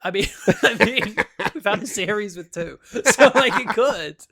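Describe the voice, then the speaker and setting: A man co-hosting a podcast in casual chat, animated and joking, often breaking into laughter. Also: high-pitched, a little slow, creaky, crowd noise. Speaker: podcast co-host.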